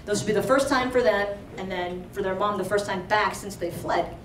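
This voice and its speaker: A young woman from Alexandria, Virginia, talks through a true story before a live crowd, chatty and full of "like" and "you know." She speaks fairly quickly in a mid-range voice. Recorded off-mic from a distance in a roomy venue, the audio carries a little hiss or hum.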